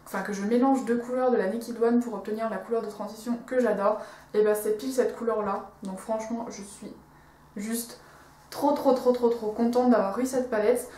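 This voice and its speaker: A woman's voice: fairly high pitch, steady tone, normal speed, mellow, roomy sound. A woman reviewing a makeup palette in a casual, enthusiastic vlog, with many fillers and restarts. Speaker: beauty vlogger.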